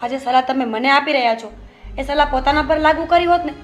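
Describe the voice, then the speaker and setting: Brief: actress as a calm, pointed daughter-in-law with a high voice. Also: female voice, quick pace, faint music behind, lightly acted. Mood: firm. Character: composed young daughter-in-law, outspoken. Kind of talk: family drama acting.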